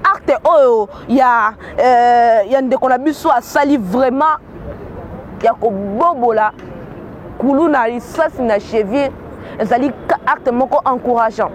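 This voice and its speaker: Speaking at a measured pace, a Kinshasa woman with a Congolese accent offers sincere commentary in a blend of Lingala and French. Her voice is on the high side, and she frequently repeats words as she looks for them. Some slight background noise is present.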